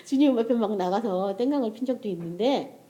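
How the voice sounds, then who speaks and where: A woman's voice: on the high side, animated, a little fast, mellow. A middle-aged woman preaching a sermon in a conversational way, often checking with her listeners.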